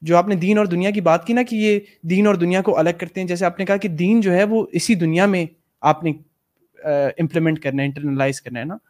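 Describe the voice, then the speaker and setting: Reflective man with a higher voice. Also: a little mellow. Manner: reflective, speaks in Urdu laced with English phrases. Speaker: guest in a discussion. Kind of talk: casual discussion.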